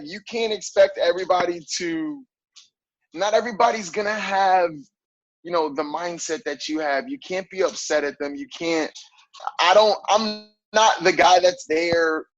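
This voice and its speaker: A man's voice: high-pitched, unhurried, dry recording, lo-fi sound. A man in his thirties, a fitness coach, talking casually in an interview with lots of fillers and easy laughs. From grew up on military bases overseas. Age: 30s. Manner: relaxed, rambling, frequent fillers and laughs.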